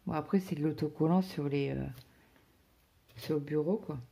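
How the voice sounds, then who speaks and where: A woman's voice: low voice, normal speed, gravelly, warm tone, slightly rough. A woman chatting casually to her viewers about her day, rambling, with many fillers and restarts. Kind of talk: casual personal chat to viewers.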